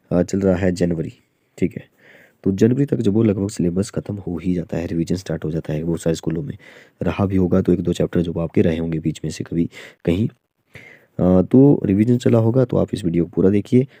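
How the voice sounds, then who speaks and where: A man's voice: low voice, mellow, no echo. A man teaching a maths exam-prep lesson, explaining step by step with frequent fillers and checks like "okay". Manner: explains slowly with many fillers and "theek hai".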